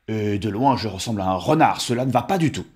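A man's voice: fairly low pitch, expressive, quick pace, a little mellow, pitched below the performer's own voice, lightly acted. A man voicing a fussy, grumbling wolf. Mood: fed up. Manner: grumbling, exclaiming complaints. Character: fussy vain male wolf, never pleased. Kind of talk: storybook reading.

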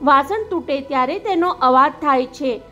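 A woman audiobook narrator reading a novel in a calm, measured way. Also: sits high, soft background music.

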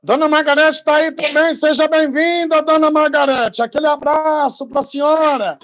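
A woman's voice: sits high, steady tone, moderate pace. A woman chatting as a guest on a casual live stream, encouraging and rallying viewers.

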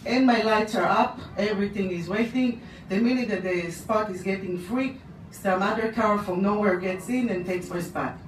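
A middle-aged woman with an Israeli accent, telling a personal story on stage with lively gestures. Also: medium pitch, normal speed. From Poland. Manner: animated, gesturing, with audience laughter. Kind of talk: live storytelling. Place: small dark room, on stage. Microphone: handheld mic on stand, far camera. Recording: roomy, from far off, noisy.

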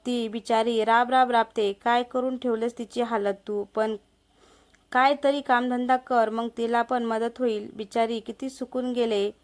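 A woman's voice: fairly high pitch, fairly even intonation, unhurried. A woman doing a menacing moneylender man. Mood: sly. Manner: threatening, coaxing. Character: lecherous menacing male village moneylender. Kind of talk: storybook narration.

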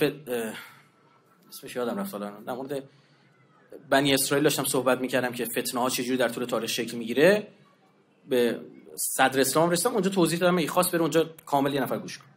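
With a mid-range voice and long pauses, a man delivers a casual lecture on religious history. He tells stories animatedly, performing the quoted dialogue and sprinkling in slang and asides.

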